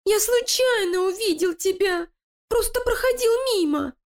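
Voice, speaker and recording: Lady playing a tiny scared rat boy, super high squeaky whimper, storybook. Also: lively intonation, moderate pace. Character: frightened small male rat.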